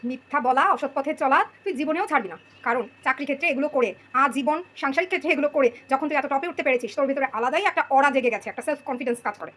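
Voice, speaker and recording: Very high, rapid-fire mocking woman. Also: a bit bright. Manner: mocking, taunting, direct address. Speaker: vlogger venting about family. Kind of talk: sarcastic monologue with sung lines.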